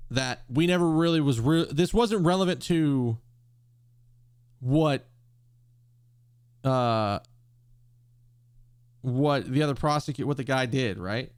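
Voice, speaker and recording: A man's voice: medium pitch, clean tone, no room sound. A man giving casual game commentary, thinking aloud in a hesitant, questioning way. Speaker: gamer playing and reading aloud a visual novel.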